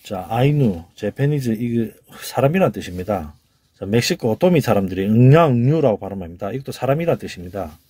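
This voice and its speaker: A man with a Gyeongsang Korean accent lectures in an emphatic, informal way, repeating words and sounding them out. His pitch swings widely, and his voice is husky and mellow. The sound is dry and close. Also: lively intonation, a little fast, dry recording.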